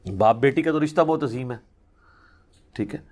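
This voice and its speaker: A man's voice: medium pitch, darkish tone. A man answering religious questions in a conversational, explanatory way, patiently working through examples. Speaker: Islamic scholar answering questions.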